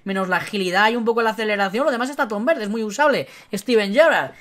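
A woman's voice: mid-range voice, racing. A woman with a Spain Spanish accent giving chatty live commentary as a game streamer. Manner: chatty, bursts into excited shouting. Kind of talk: live video game pack-opening commentary.

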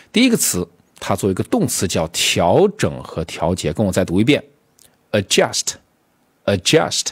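A man teaching English vocabulary to students, explaining step by step and repeating words slowly. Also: lowish voice, a little mellow, slightly rough. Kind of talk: classroom-style vocabulary lesson.

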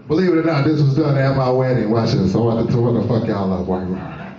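A man's voice: mid-range voice, steady tone, quick pace, distant mic, background noise. A man doing joking, profane stage banter as an open mic performer, talking into a stage mic at a live music venue. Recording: echoey, muffled live venue recording. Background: loud band music.

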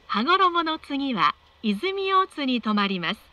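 A woman reading scripted train announcements in a polite, measured, formal way. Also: sits high, sing-song, pushed and bright, dry recording, dull audio.

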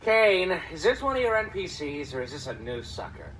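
A man's voice: fairly high pitch, sing-song, normal speed, crowd noise, rough recording. A man voicing a sarcastic, smug cartoon rabbit with a teasing, sardonic manner. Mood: smug, mocking. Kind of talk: animated cartoon acting.

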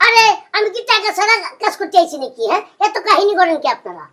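A woman's voice: very high-pitched, big pitch swings, sharp tone, dry recording, exaggerated voice. A woman acting a brash young man who wheedles and presses impatiently, in a comedy play. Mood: indignant. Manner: wheedling, impatient, drawn-out "aha".

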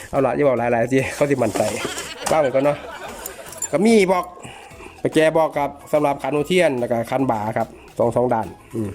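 A man's voice: medium pitch, a little mellow. A man with an Isan accent, a chainsaw repairman unboxing and reviewing a saw in a chatty, joking way, talking to his viewers as brothers and sisters. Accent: Isan (Northeastern Thai). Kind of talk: casual product unboxing review.

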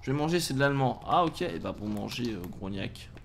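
A man streaming live as he plays a game, reacting out loud, often swearing and groaning in frustration. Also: mid-range voice, expressive, brisk, gravelly, faint music behind.

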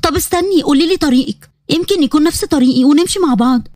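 A woman voicing a chatty, cheerful young female student with an Egyptian accent, friendly and excitable. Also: high voice, very fast, no echo, studio quality, close to an everyday voice. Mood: eager.

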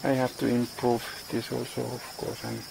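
Outdoors on a farm, a man in his forties vlogs casually into a phone held at arm's length, narrating in halting English as he searches for words. His medium-pitched voice is completely flat and has vocal fry. Background noise includes insects and animals.

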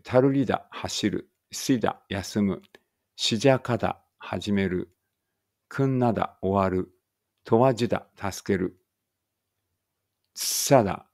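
A man from an English school slowly reading Korean vocabulary aloud with Japanese meanings, stumbling now and then and adding small asides, with a trace of an Ibaraki accent. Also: lowish voice, vocal fry. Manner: reads each word then its meaning, with small slips and asides. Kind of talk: slow read-aloud vocabulary practice.

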